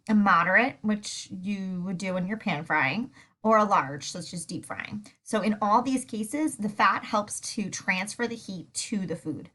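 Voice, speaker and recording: A woman with a medium-pitched voice teaches a recorded food science lecture over slides. She is stuffed up with a sore throat, yet relaxed, and uses plenty of fillers.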